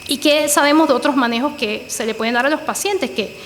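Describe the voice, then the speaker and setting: Female physician lecturer, higher voice, explanatory with fillers; echoey reverberant room, faint background noise. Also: a little fast, a bit bright. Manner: explanatory, frequent "eh" fillers and "¿verdad?" tags. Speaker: pulmonologist lecturer. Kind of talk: medical lecture with slides.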